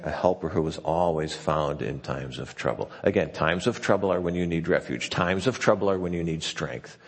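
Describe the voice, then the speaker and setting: A low-voiced male pastor preaches in a folksy, chatty manner, stumbling and restarting as he goes. His voice is gravelly and a little husky. A long reverb from a church hall trails behind each phrase. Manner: conversational and folksy, with frequent restarts. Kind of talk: sermon. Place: church sanctuary.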